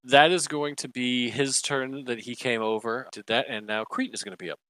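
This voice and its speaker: A man's voice: medium pitch, little pitch movement, normal speed, pushed and bright, dry recording. Chatty male game master, dry sound. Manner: loose and chatty, many fillers. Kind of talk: narrating a tabletop game.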